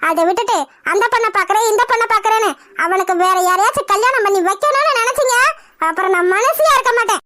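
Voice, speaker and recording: A woman voicing a quick-tempered, possessive middle-aged mother in a cartoon, shouting and scolding. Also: very high voice. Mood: indignant. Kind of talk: cartoon voice acting.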